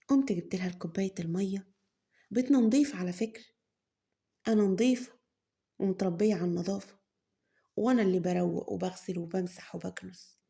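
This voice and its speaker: A woman's voice: medium pitch, warm tone. Chatty Egyptian woman telling a story. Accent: Egyptian Arabic. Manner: chatty, joking asides to listeners. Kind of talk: first-person story narration.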